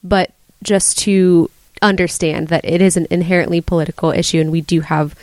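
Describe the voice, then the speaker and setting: A woman guest on a podcast who explains her team's work in an earnest, steady way. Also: lowish voice, normal speed, dry recording. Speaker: guest, resource team member. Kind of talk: casual podcast discussion.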